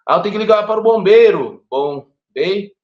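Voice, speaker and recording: A man with a Brazilian Portuguese accent giving a first aid lecture to teachers, animated and chatty, often checking that his listeners follow. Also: high-pitched, rapid-fire. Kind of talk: online teacher training lecture. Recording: echoey room, dull lo-fi sound.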